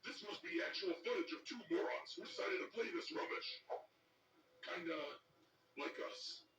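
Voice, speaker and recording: An actor playing an irritable, sarcastic werewolf in a scripted comedy game review, complaining with dry insults. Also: male voice, sits high, moderate pace, noisy background, lightly acted. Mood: sardonic. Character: sarcastic, irritable werewolf man forced to play bad video games. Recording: roomy, distant, music underneath. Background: music.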